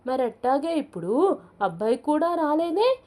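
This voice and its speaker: A fussy old mother-in-law in a storybook reading, quick to fret and grumble, as a woman narrator puts her on. Her voice sits a little high and asks anxious, blunt questions. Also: sing-song, dark tone. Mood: fretful. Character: fussy elderly mother-in-law, easily flustered.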